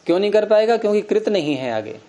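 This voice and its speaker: A man's voice: high-pitched, big pitch swings, quick pace, warm tone. A man teaching Sanskrit grammar, explaining step by step and quizzing his students with questions. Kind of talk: classroom lecture.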